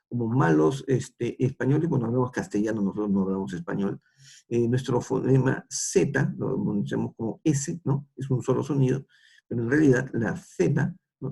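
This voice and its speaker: A man's voice: medium pitch, creaky, dark tone, husky. A middle-aged man with a Peruvian accent, lecturing students and tagging nearly every phrase with a question, with frequent restarts. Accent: Peruvian Spanish. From Peru.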